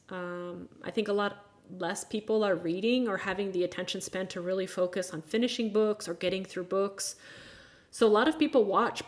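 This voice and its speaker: A woman in her thirties from the United States hosts a relaxed live chat with her viewers. She speaks frankly and plainly. Her tone turns exasperated at times, with dry sarcastic asides. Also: mid-range voice. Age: 30s. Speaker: livestream host.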